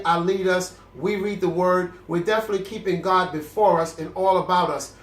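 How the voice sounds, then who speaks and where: In an echoey room, the high-pitched host of a celibacy video series talks candidly to camera about faith. He sounds congested and coughs, speaking in an earnest, preacherly way with frequent restarts.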